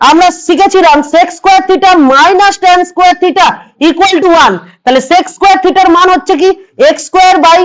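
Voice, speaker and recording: A hoarse woman with a West Bengal Bengali accent, a math tutor giving an exam-prep lesson who repeats each step and coaxes students along. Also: very high-pitched, rough recording. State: hoarse from a cold.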